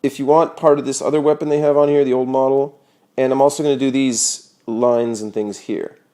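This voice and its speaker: A man's voice: medium pitch, brisk. A young man giving a casual hobby painting tutorial, talking loosely with lots of "uh" and "you know". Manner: relaxed, many fillers like uh and you know. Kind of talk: casual how-to demonstration.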